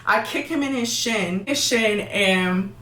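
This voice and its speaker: Young woman vlogger, quick emphatic storytelling, roomy sound, set back from the mic. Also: medium pitch, sharp tone, recorded from a distance, slight background noise. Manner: fast, emphatic, repeats words for emphasis. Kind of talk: storytime vlog.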